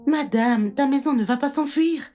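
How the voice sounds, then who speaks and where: A woman's voice: high voice, normal speed, dark tone, soft background music, close to an everyday voice. A woman voicing a playful young woman teasing her friend in a dubbed film drama.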